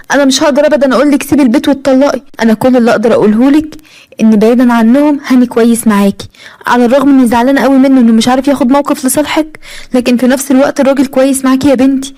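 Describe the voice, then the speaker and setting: A gentle Egyptian mother, played by a woman narrator, soothing and counseling in a high, very fast voice. She sounds caring in a storybook cartoon telling. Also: steady tone, close to an everyday voice.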